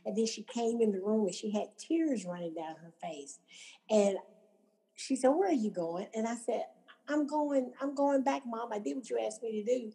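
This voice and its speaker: A woman's voice: mid-range voice, animated, normal speed, warm tone, low-quality recording. A woman telling her own recovery story to an audience, acting out what others said. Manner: storytelling, acting out quoted voices. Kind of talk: personal testimony to an audience.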